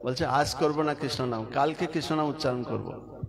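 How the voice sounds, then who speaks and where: A man's voice: medium pitch, a little fast, creaky. Man preaching over a crowd. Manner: storytelling, leads chanting. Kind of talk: devotional sermon. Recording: crowd noise behind.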